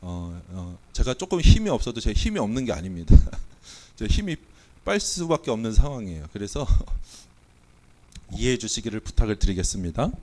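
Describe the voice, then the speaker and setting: His voice sits on the low side, mellow, with big swings in pitch and a moderate pace. The Korean pastor has a cold that keeps his voice from coming out well as he preaches in the church sanctuary, quizzing the congregation in fun and staging a mock auction.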